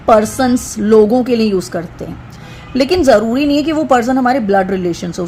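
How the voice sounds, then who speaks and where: Slow, higher-pitched woman teaching English. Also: darkish tone, a little hiss or hum. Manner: explains in Hindi, switching to English for examples. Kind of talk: spoken English lesson.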